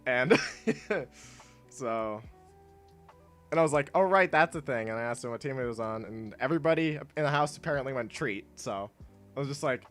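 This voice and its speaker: A congested young man chatting in a low-key, rambling way while streaming a game, laughing often. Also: animated, moderate pace. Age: young adult. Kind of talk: casual gameplay stream chat. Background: quiet game music.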